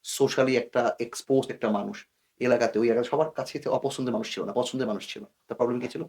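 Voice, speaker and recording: A man speaks as an interview guest, explaining things in an earnest, warning manner. He mixes English words into his sentences. His voice sits at an ordinary middle pitch. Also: steady tone, quick pace, a little mellow, husky. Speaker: guest expert.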